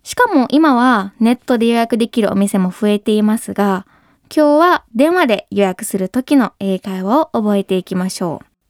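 A woman teaching English pronunciation, speaking clearly and patiently and modeling words slowly. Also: mid-range voice, lively intonation, no room sound, studio quality. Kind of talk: pronunciation lesson.

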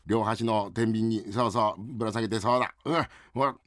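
A man doing a gruff old uncle greengrocer. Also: on the low side, fairly even intonation, fairly quick, a bit bright, no room sound, clean studio sound, natural voice. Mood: bossy. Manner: scolding, rough Edo speech. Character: gruff older male greengrocer uncle, bossy. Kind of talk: rakugo storytelling.

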